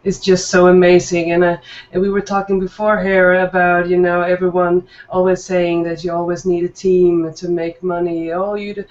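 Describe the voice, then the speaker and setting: A woman from southern Sweden speaks upbeat and chatty, pausing on fillers. She sounds set back from the microphone. The audio is muffled and lo-fi, as over a web call. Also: lowish voice, little pitch movement, a little mellow, distant mic. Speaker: panel guest. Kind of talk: casual self-introduction.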